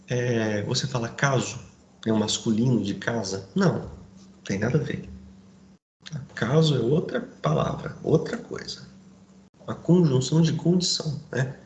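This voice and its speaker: A man teaching a grammar lesson, explaining step by step and checking in with his students through quick asides. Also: medium pitch. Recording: roomy echo, faint background noise.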